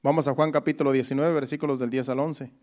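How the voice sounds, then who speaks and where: A man's voice: medium pitch, steady tone, fast, a little mellow. A man preaching a Sunday sermon. He explains each verse step by step, restating it in plain words and often repeating phrases.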